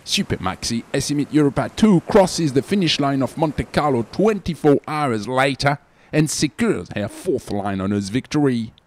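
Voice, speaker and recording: A man's voice: medium pitch, expressive, moderate pace, a little hiss or hum. A man reading a scripted sailing news voice-over.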